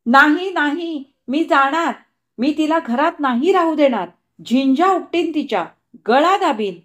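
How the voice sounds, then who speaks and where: A woman's voice: high voice, expressive, unhurried, pitched above the performer's own voice. A woman voicing a hysterical young woman who shrieks and sobs in frantic rage, in a storybook reading. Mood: frantic, shrieking.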